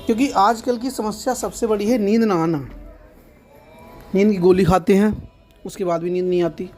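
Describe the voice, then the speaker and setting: A man's voice: high-pitched, fairly even intonation, normal speed, warm tone, faint music behind. A man teaching meditation in an earnest, explanatory way, often repeating himself. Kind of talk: instructional talk to camera.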